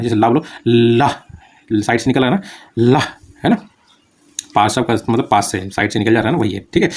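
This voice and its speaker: A man talks through a grammar lesson at a brisk clip, with a voice of middling pitch. He asks "okay?" or adds "meaning" after almost every phrase, and he stops to sound out individual consonants as examples. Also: darkish tone. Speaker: teacher. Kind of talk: casual spoken lesson.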